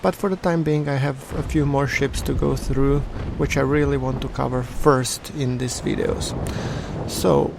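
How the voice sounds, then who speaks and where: Man, casual game commentary, halting delivery, creaky voice, unhurried, noisy background. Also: mid-range voice, steady tone. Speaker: video game commentator, channel host.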